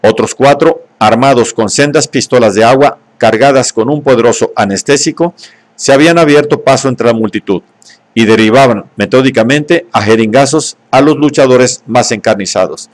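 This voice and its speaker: A man's voice: mid-range voice, normal speed. Man reading an audiobook steadily. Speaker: audiobook reader. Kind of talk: audiobook narration.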